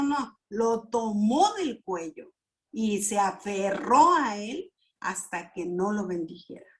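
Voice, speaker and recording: Middle-aged woman leading a premarital class at an unhurried pace, repeats herself, acts out little prayers. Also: a little high. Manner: slow, repetitive, with sound words and acted prayers. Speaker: premarital counseling teacher. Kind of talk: church class teaching.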